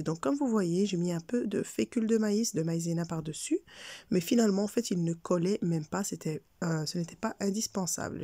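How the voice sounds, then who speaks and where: A Belgian woman hosts a cake decorating channel, voicing a casual tutorial in a friendly but hesitant way, with plenty of fillers. She has a cold that leaves her sounding congested. Her mid-range voice is mellow, and the recording is dry.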